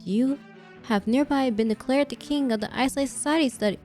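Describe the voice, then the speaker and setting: A grand, pompous announcer intones decrees with ceremony, as a woman voices him. The voice sits higher and louder than her own, every line delivered like a royal decree. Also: brisk, soft background music, close to an everyday voice. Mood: grandiose. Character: pompous booming game announcer voice.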